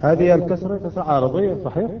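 A man teaching a class on recitation rules, asking his students questions and drawing out example phrases slowly. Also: high-pitched, a little hiss or hum. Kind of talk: Quran recitation lesson. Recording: distant muffled classroom recording.

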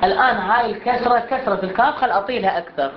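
A woman with an Iraqi Arabic accent teaching Quran recitation in a class, explaining patiently and saying words slowly for students to repeat. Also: mid-range voice. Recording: muffled recording with steady background noise.

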